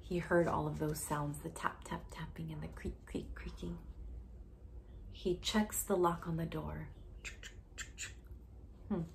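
Reading a picture book aloud to young children, a woman in her thirties who works as a story reader and educator uses a low, gravelly voice that is still expressive and sing-song. She goes slowly and deliberately, adding hushed asides and asking the listener questions. It is a home recording in a small indoor room, with faint background noise.

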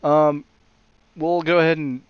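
A man's voice: on the high side, little pitch movement, a little slow, smooth, no echo, highs cut off. A man hosting and commentating a sim racing league, blunt and often exasperated at the crashes. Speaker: race commentator and league host.

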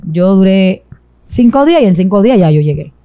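A young woman from the Dominican Republic, with a Dominican accent, tells her own story as an interview guest on a small indoor studio set with a sofa. Her medium-pitched voice is animated and fairly quick, recorded on a boom-arm mic close to her mouth with no room sound but dull audio.

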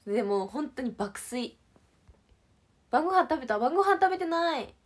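In a high, sing-song, husky voice at a moderate pace, a young idol host from Shizuoka, Japan, reads comments on a casual livestream. She chats with her viewers in a bubbly, playful, giggly manner.

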